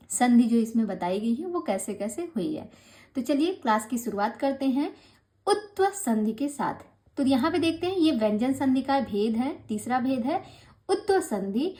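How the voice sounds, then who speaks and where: A woman teaching an online grammar class, patient and encouraging, slowing down to spell out each rule. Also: fairly high pitch, a little mellow. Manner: encouraging, patient explaining, slows to spell out rules.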